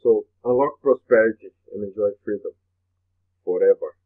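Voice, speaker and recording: Speaking at a normal speed in a fairly low voice, a webinar host from Brazil leads a motivational session in English with a Brazilian Portuguese accent, Portuguese being his native language. He comes across as earnest and frequently repeats phrases, over tinny, phone-like audio.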